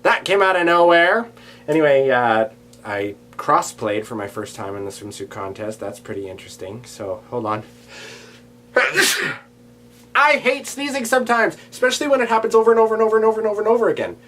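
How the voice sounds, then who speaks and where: A man talking casually to camera in a daily vlog, animated and rambling, jumping between loud bursts and quiet asides. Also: fairly high pitch, brisk. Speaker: vlogger.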